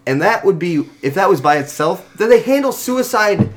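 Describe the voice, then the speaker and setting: A man in relaxed casual chat, laughing easily and swearing offhandedly. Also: high-pitched, normal speed.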